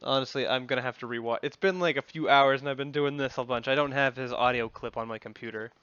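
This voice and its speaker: A man's voice: medium pitch, fast, fairly bright tone, clear, resonant tone, no echo, muffled recording. A man narrating as game master in a tabletop game, describing scenes in a rambling way full of fillers.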